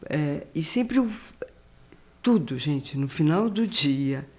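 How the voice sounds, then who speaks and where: A woman from Brazil hosts a business podcast and talks slowly, often pausing to find the right word. Her voice is warm and mellow rather than bright. She agrees readily with her guest. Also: deep voice, expressive. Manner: hesitant, searching for words, agreeing. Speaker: podcast host. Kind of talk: conversational podcast interview.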